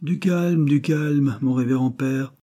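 A man reading an audiobook, voicing a calm and ironic male detective. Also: mid-range voice, takes it slowly, pitched above the performer's own voice. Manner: calm, mocking.

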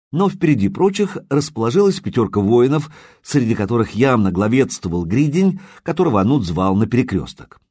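A man reading an audiobook in an even, measured storytelling voice. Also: lowish voice, slightly rough, no room sound, studio quality. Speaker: audiobook narrator. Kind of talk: audiobook narration.

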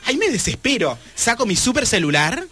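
A man's voice: very high-pitched, sing-song, fairly quick, bright, forceful tone. A man with an Argentine Rioplatense accent, hosting a radio show and telling a comic story in a campy, theatrical way. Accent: Argentine Rioplatense Spanish. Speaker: radio host. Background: music.

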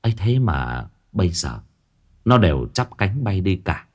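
Low-voiced man telling a ghost story. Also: a little slow. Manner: expressive, colloquial storytelling. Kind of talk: horror story narration.

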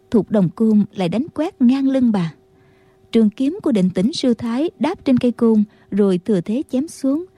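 Woman narrator, husky and mellow, fairly high, dry close mic, steady audiobook storytelling. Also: no room sound. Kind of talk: scripted narration.

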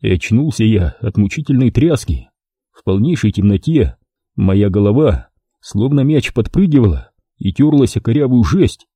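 A man's voice: lowish voice, warm tone, slightly rough, no room sound, studio quality. A man narrating a first-person crime audiobook in a wry, ironic storytelling manner. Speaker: audiobook reader.

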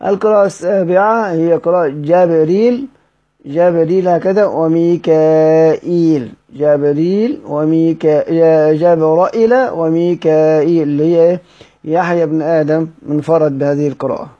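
A man with an Egyptian accent teaching a lesson on Quranic readings, halting and drawing out each word form slowly. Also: on the high side. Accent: Egyptian Arabic. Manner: halting, restarts words, drawls out the names of readings slowly. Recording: dull lo-fi recording.

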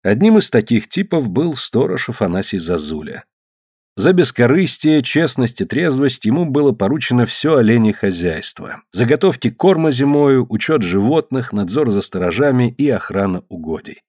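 A man reading an adventure book aloud in a measured, dramatic narrating voice, slowing down for emphasis. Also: mid-range voice, sing-song, a little mellow, breathy edge, no echo, studio quality. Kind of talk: audiobook narration.

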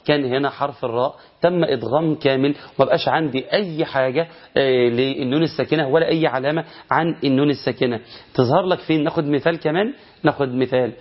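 A man's voice: mid-range voice, quick pace, muffled recording. A man with an Egyptian Arabic accent teaching a recorded Quran recitation lesson, asking himself questions and answering them.

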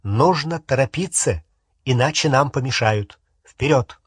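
A man voicing a young wizard disguised as a powerful official, talking with booming authority. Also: lively intonation, unhurried, husky, no room sound, studio quality. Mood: urgent commanding. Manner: commanding, booming.

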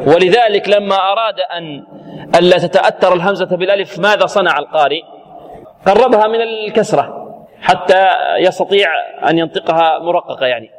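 A male Quran recitation teacher giving a classroom lesson, quizzing students with short questions and stretching out sounds slowly to model pronunciation. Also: high voice. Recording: long reverb, hall-like room.

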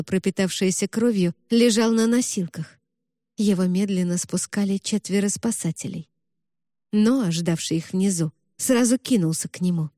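A woman reading a novel aloud with an expressive, emotional delivery. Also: mid-range voice, no room sound, studio quality. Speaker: narrator. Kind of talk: audiobook narration.

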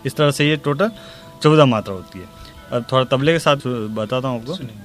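A man teaching tabla in a spoken music lesson, calmly explaining rhythm cycles and slowly reciting the drum syllables. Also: mid-range voice. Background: tabla playing.

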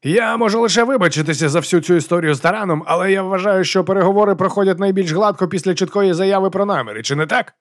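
A man's voice: high voice, fast talker, hardly any pauses, pitched above the performer's own voice, natural voice. A man reading an audiobook voicing a foppish, smug, pompous duke with a languid manner.

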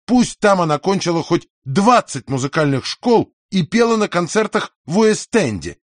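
Sharp-tongued landlady nagging her lodger, voice pitched up, swoops all over, man reading it. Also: very animated, moderate pace, dry recording. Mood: indignant. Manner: scolding, indignant, insistent. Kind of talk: audiobook character voice.

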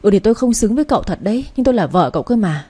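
A woman's voice: mid-range voice, very animated, rapid-fire, husky. Woman playing a jealous young wife. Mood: hurt, angry. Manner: sharp, accusing.

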